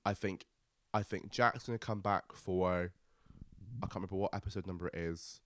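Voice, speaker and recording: A man's voice: low voice, fairly even intonation, normal speed. A man co-hosting a podcast, chattily recapping a TV episode and laughing often. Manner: chatty, laughs often, retells scenes with energy. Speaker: podcast co-host. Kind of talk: casual chat recapping a TV episode.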